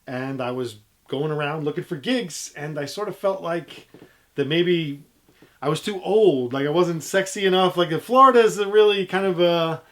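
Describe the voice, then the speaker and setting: A man's voice: fairly high pitch, normal speed, a bit bright. A middle-aged man chatting casually as an interview guest, telling stories in a jokey, self-deprecating way. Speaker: interview guest, DJ and music history video maker.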